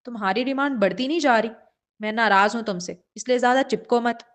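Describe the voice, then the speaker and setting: A woman's voice: mid-range voice, close to an everyday voice. A woman voicing a feverish young husband in an audiobook reading, sulking and grumbling at his wife. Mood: sulky. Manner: sulky and grumbling.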